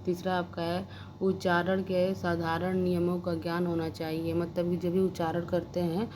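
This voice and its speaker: Woman teaching low and flat, noisy. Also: normal speed. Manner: explains step by step with many fillers and restarts. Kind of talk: exam-prep lesson. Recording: noisy background hiss.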